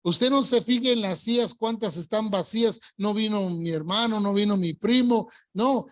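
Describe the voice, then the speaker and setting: A man's voice: high voice, normal speed, fairly bright tone. An older pastor preaches to his congregation with an emphatic delivery. He stretches the words he wants to land and calls out to his listeners. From Colombia. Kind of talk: evangelical sermon. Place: church service.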